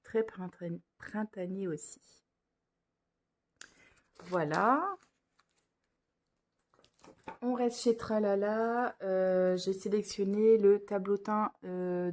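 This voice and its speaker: A woman presents cross-stitch patterns in a casual show-and-tell vlog, sitting indoors under a lamp and talking hesitantly with plenty of fillers and restarts. Her voice is medium in pitch with a darkish tone.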